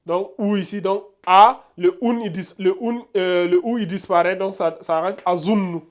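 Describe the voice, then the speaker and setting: Man teaching letters slowly. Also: sits high, steady tone. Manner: repetitive, checks understanding often. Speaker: Arabic teacher. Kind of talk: casual whiteboard lesson.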